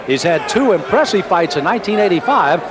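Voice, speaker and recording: A man's voice: high-pitched, sing-song, fairly quick. An American man working as a sportscaster, giving live boxing commentary. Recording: broadcast over loud crowd and noise. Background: arena crowd.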